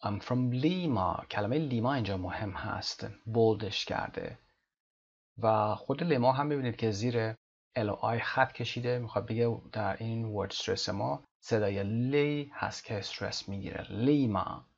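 A male English teacher explaining a textbook lesson, slowing down to model pronunciation. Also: fairly low pitch, vocal fry, lo-fi sound, a little hiss or hum.

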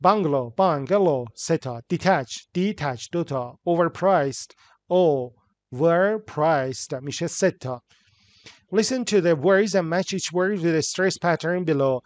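A man's voice: on the high side, dry recording. Man teaching English. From Iran. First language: Persian. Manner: switches between Persian explanation and slow English reading. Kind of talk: language lesson explaining in Persian and English.

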